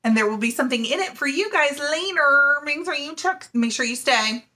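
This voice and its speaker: With a high-pitched, sharp and expressive voice at a moderate pace, a middle school teacher in her forties casually chats to camera for her knitting video podcast, giggling often and leaning on plenty of fillers.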